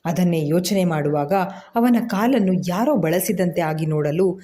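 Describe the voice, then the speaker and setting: A woman narrating a serialized audio story in a steady, even storytelling manner. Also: lowish voice, normal speed.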